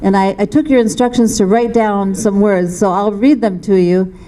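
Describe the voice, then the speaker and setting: Gracious woman lawmaker on a panel, mellow, measured. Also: mid-range voice, fairly even intonation, poor audio. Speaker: state legislator. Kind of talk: panel discussion remarks.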